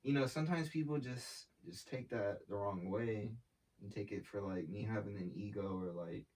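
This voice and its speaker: In a casual interview, this young artist and brand founder speaks in a low, darkish voice at a moderate pace. He's slangy and laid-back, swears and uses many fillers, and his voice comes from a distance off the mic.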